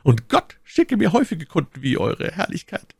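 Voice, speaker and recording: A man reading an audiobook, voicing a hearty, greedy ship captain with a loud, raised voice. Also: fairly high pitch, huge pitch swings, normal speed, creaky, husky, dry recording, clean studio sound, pitched above the performer's own voice, full character voice.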